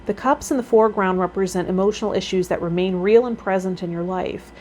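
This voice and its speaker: A tarot vlogger and healer presents her series in a mid-range, darkish voice at a fairly quick pace. She reads out what the cards mean and offers casual comments of her own, amid noticeable background noise.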